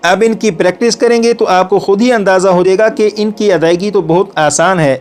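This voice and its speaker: A man with a high voice teaches a recitation class at a calm, patient pace. He explains each rule, then sounds out the examples slowly and repeats each one three times for students to follow. Soft music plays faintly behind him. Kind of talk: step-by-step recitation lesson.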